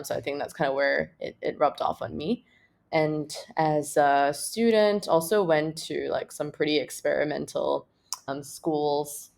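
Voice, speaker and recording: With a low-sitting voice and some vocal fry, this young woman from Malaysia talks easily as a guest in an interview. She co-founded a startup and keeps stopping to restart, using plenty of fillers.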